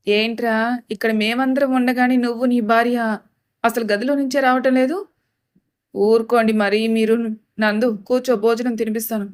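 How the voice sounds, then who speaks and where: A woman narrating a Telugu family drama audio story, reading every character's lines in her own voice. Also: fairly high pitch. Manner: reads all characters' dialogue in her own voice, raising her voice for quoted lines. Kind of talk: scripted narration with voiced dialogue.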